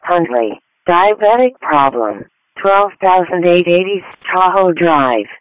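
Slow, high-pitched male dispatch announcer, radio. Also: animated, no room sound. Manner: measured, separated short phrases. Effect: radio paging channel. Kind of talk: formulaic dispatch call-out of units and addresses. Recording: dry, narrow radio transmission.

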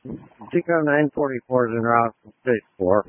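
A man's voice: mid-range voice, moderate pace, dry recording. A man making terse, procedural emergency calls from the field over a two-way radio. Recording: narrow, tinny radio transmission.

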